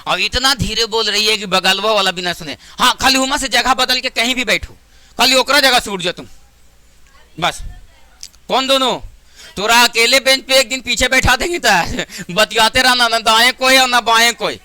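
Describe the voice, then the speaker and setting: A man's voice: very high voice, normal speed, bright, forceful tone, no echo. A man with a Bihari accent teaching math to a class in a classroom, chatty and joking, sometimes scolding students. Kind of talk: classroom lesson.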